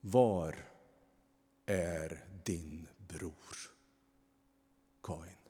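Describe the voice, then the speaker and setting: A man's voice: low voice, warm tone, husky. A man doing a grave, stern angel. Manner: slow, measured, grave. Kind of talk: storybook reading. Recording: long hall reverb.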